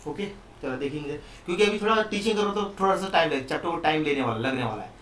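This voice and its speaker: A man with a fairly high voice teaches chemistry, working through each step and often asking his students questions. He is some distance from the mic in an echoey room, with faint noise in the background. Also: expressive, fast talker, a bit bright. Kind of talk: online chemistry lesson.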